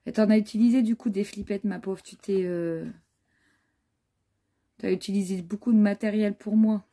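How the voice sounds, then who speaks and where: A woman's voice: mid-range voice, steady tone, normal speed, mellow. A woman vlogger chatting casually as she shows off a handmade scrapbook album, full of admiring asides and fillers. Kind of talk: casual show-and-tell chat.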